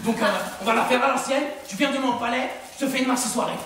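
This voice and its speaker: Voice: high voice, level tone, quick pace, fairly bright tone. A speaker putting on a slightly raised, swaggering voice to play a rude, bossy young emperor who talks in street slang. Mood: smooth-talking. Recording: echoey room, far from mic, faint noise.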